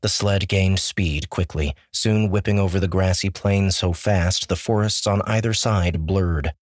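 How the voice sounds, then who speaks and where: A man narrating an audiobook with measured, steady storytelling. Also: low voice, no echo, clean studio sound. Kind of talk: scripted narration.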